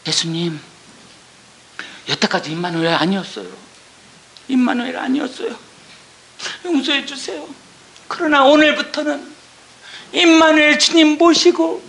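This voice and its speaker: A woman's voice: sits high, roomy sound. An older woman giving an emotional church testimony, sighing and exclaiming, sometimes dropping to a whisper. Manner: emotional, animated, exclaims and sighs.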